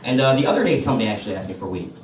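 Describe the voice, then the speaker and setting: A racing, expressive American man with a fairly low voice performs over a noisy background. It's an open mic stand-up set on a comedy club stage, where he tells stories casually and plays to the crowd. The audience laughs, heard through roomy, distant club acoustics.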